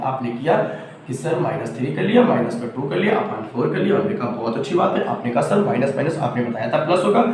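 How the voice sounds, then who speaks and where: A man teaching a school math lesson, speaking fondly to the children and acting out their replies. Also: medium pitch. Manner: affectionate, playacts students' replies. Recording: very echoey room, faint background noise.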